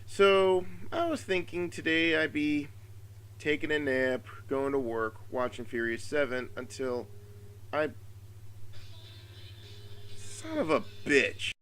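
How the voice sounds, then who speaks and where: A man with a slightly subdued, sore-throated voice gives a casual, rambling opinion commentary, halting, exasperated and swearing freely. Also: on the high side, fairly even intonation, a bit bright, smooth, faint music behind. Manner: profane, exasperated, halting with emphatic stresses. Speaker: solo video commentator.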